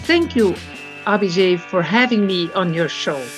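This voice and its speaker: A woman from Belgium, a nonprofit executive director, chatting as a guest in a warm, encouraging way. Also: fairly low pitch, unhurried, faint music behind. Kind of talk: casual interview.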